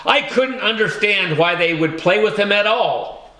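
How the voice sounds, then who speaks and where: Taking his time, a man reads a children's audiobook in the first person with a fairly high, bright voice and a wry, animated manner. The audiobook narration is unhurried and carries a roomy echo.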